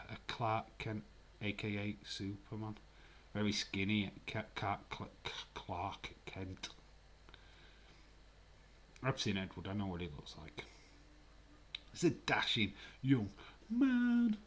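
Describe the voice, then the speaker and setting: The lowish voice has a fairly bright tone, with slight noise in the background. It's a Yorkshire man hosting a live stream in his local accent, chatting easily, teasing his audience, laughing often and sometimes nearly whispering.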